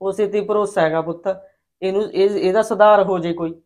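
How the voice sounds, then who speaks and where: A woman playing a fast-talking, fed-up wife. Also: mid-range voice, steady tone, darkish tone, close to an everyday voice. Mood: weary. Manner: complaining, scolding. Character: weary, fed-up wife and mother. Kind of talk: village short-film acting.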